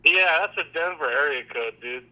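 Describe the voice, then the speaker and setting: A man's voice: on the high side, moderate pace, bright, forceful tone. Laid-back man over a speakerphone. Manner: laid-back, slangy, calls people dude and bro. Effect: played over a phone on speaker. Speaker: caller on a livestream. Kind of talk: casual chat. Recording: dull, lo-fi phone line on speaker.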